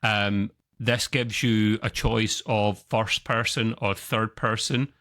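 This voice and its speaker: A man hosting a casual video game podcast, chatty and excitable, his voice jumping up when something thrills him. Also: slow. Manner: excitable and chatty, jumps up in pitch when enthused. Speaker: podcast host. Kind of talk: casual chat about video games.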